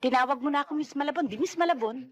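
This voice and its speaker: A woman playing a sharp-tongued, defiant young woman serving coffee. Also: high-pitched, racing, close to an everyday voice.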